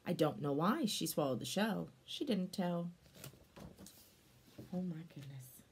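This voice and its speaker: There's slight background noise as a woman in her thirties, with a mid-range voice, reads a picture book aloud for kids. She performs it expressively, exclaiming and slipping in chatty explanatory asides.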